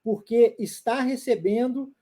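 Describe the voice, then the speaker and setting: A woman's voice: on the high side, measured pace, dark tone. A woman with a Brazilian Portuguese accent teaching an online pronunciation lesson. She repeats her examples and checks in often with her viewers. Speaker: English teacher.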